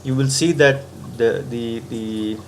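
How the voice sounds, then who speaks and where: There's a little hiss or hum behind this spiritual teacher's mid-range, fairly even voice. Speaking slowly, he leads a patient philosophical talk, building his reasoning stepwise and frequently checking in with whoever is listening.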